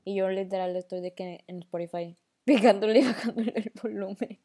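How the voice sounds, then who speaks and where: A woman's voice: mid-range voice, fairly quick, dark tone. A young woman with a northern Mexican accent hosting a casual voice-memo podcast, rambling and mixing in English slang. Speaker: podcast host.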